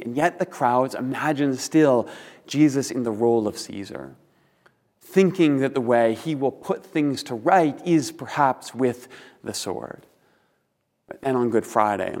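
A man preaching a sermon as a pastor, speaking in deliberate, earnest phrases with rhetorical pauses, in a large empty room. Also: mid-range voice, darkish tone. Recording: reverberant empty hall.

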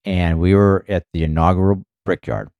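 A low, dark-toned man talks casually on a podcast. He rambles and leans on "you know" constantly. His voice sounds dry and close, with no room echo. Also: steady tone, normal speed, clear, resonant tone. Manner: rambling, filler-heavy, many "you know"s. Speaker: podcast co-host, former racing team member.

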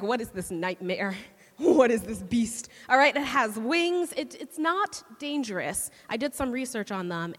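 A woman's voice: on the high side, a bit bright. A woman giving a casual, chatty sermon to a church, laughing often and checking in with the audience with "right?". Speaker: church speaker. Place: church hall. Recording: long hall reverb.

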